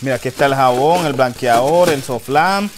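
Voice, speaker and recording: A man's voice: medium pitch, normal speed, background noise, close to an everyday voice. A man playing an earnest reformed ex-thief. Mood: eager. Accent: Colombian Pacific coast Spanish. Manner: pleading, earnest, repeats himself. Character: young reformed ex-thief man, eager to please. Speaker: actor in a web series. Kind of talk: amateur web drama acting.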